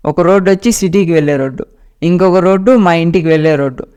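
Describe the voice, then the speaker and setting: Guy telling a spooky story, dramatic, clear smooth voice. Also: on the high side, fast, a little mellow, dull audio. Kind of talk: first-person ghost story narration.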